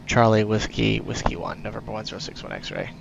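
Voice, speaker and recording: A man's voice: lowish voice, huge pitch swings, a little fast, gravelly, highs cut off, very noisy. A man making clipped, by-the-book pilot radio calls into a cockpit headset mic. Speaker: flight simulator player acting as pilot.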